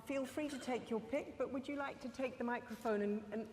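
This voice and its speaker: Brisk woman panel moderator, echoey conference hall sound. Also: on the high side, a little mellow. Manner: brisk, directing the microphone around. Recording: echoey hall with room noise.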